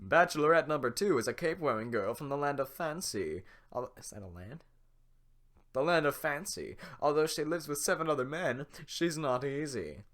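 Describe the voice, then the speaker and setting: A man's voice: a little high, animated, normal speed, a bit bright. A man doing a magic mirror as game-show host. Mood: showman. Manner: talk-show-host announcer patter.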